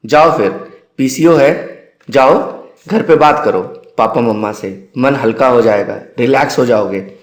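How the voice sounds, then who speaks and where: A man voicing a kind, calm male college teacher who talks gently and reassuringly. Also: mid-range voice, unhurried, lightly acted. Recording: roomy echo.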